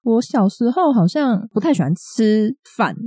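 A woman, co-hosting a podcast and telling a childhood story in casual, animated chat with frequent laughter. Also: fairly high pitch, normal speed, husky, dry recording, studio quality. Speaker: podcast co-host.

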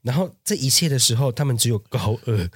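A man, co-hosting a casual podcast chat and telling a story with lively, acted-out quotes. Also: medium pitch, fast, slightly rough, no room sound, studio quality. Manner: animated storyteller who acts out quoted voices. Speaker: podcast co-host.

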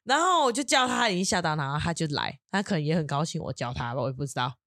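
A young woman, telling a story on a podcast. Her voice sits low, but it leaps high into laughing bursts as she gets worked up. The sound is dry and close. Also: fast, no echo. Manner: animated, swings into high laughing bursts when upset. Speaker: podcast co-host. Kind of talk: casual storytelling chat.

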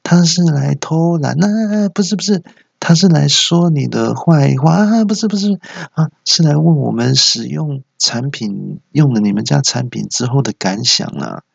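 A man playing a fawning, hoarse-voiced client who keeps slipping up. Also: on the high side, moderate pace, dry recording, lo-fi sound, pitched above the performer's own voice, exaggerated voice. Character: fake hoarse client faked by an employee.

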